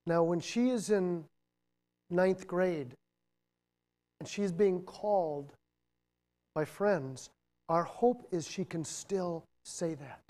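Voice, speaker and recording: A middle-aged man giving a motivational leadership talk to students. He swings between loud, emphatic points and quiet, reflective asides, with jokey, self-deprecating humor. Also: sits high, slow pace, long pauses. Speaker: guest speaker on leadership. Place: university lecture room.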